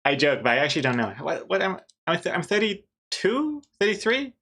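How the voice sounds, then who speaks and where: High-pitched and sing-song, with a sharp tone and fairly quick delivery, a man in his thirties chats casually with his stream audience while drawing. He's talkative and self-mocking throughout.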